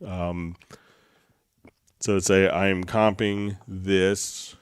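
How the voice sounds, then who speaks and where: A man with a deep, low magnetic voice and a slight cold, explaining software casually and haltingly as a livestream host. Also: little pitch movement, clear, resonant tone, no echo. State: getting over a slight cold. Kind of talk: casual tutorial livestream talk. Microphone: close microphone straight into mixer.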